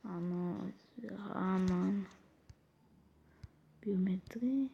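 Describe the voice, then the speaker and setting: Slow-paced Brazilian gamer with a slushy lisp. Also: mid-range voice, gravelly, mellow, lo-fi sound, a little hiss or hum. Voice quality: tongue-tied lisp with slurred s sounds. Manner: informal, muttering reactions to the game. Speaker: gaming video host. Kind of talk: casual let's play commentary of a quiz game.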